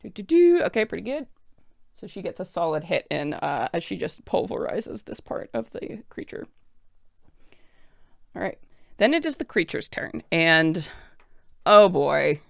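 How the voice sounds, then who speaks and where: A woman narrating a tabletop game as game master, improvising in a casual, excitable way with lots of filler words. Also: fairly low pitch, measured pace, vocal fry, pauses often, no room sound, clean studio sound.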